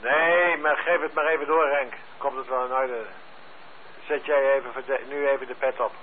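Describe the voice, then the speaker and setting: A man running an amateur radio net on air, heard over a two-way radio link, easygoing, spelling out call signs with frequent filler pauses. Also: mid-range voice, steady tone. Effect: heard over a two-way radio transmission. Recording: tinny radio-band sound with faint hiss.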